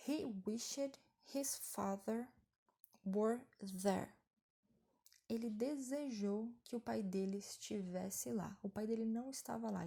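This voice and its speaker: Brazilian woman teacher, casual lesson delivery, gravelly low-key timbre, chatty and patient. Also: mellow. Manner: chatty, explains patiently with frequent tag questions. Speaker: English teacher. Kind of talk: casual online English lesson.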